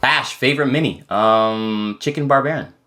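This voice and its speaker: A man's voice: medium pitch, normal speed, pushed and bright. A young French man in his twenties, a native French speaker with a mostly American-sounding English accent, casually answering viewer questions and rambling with many restarts. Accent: American-leaning English with slight French. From France. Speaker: content creator. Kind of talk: casual Q&A chat.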